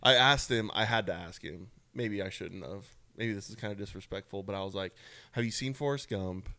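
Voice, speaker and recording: A man's voice: on the low side, fairly quick, sharp tone, dry recording. A young man co-hosting a podcast, telling a story in a laid-back, casual way and swearing now and then. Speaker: podcast co-host. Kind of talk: casual chat.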